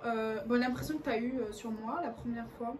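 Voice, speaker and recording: Young woman, casual chat, giggly, chatty, fairly high voice, distant mic, noisy background. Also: fairly even intonation, a little fast, a little mellow. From France. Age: young adult. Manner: giggly, chatty, talks over her partner. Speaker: co-host.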